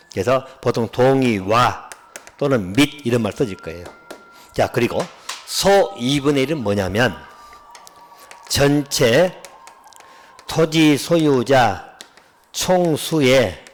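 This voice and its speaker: Man lecturing, quizzing students constantly. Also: mid-range voice. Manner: drills students with repeated check-in questions; blunt informal teaching tone, slows to dictate key terms. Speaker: real estate law lecturer. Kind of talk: exam-prep lecture.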